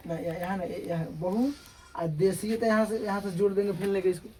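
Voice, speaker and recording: A man's voice: sits high, fairly even intonation, fairly quick, warm tone, slight background noise, low-quality recording. A male teacher giving a classroom grammar lecture, explaining step by step and often checking that students understand.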